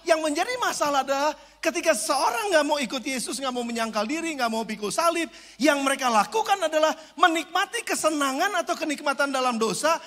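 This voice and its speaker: A high, bright-voiced male pastor preaches in an animated, joking way. He drops from loud preaching into low asides, and his voice rings out with the long echo of a large church hall. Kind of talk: sermon.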